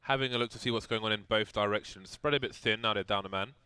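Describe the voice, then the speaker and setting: Bright-toned man casting esports. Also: lowish voice, fast talker, clear, resonant tone, no room sound. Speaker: esports caster. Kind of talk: casual chat and commentary.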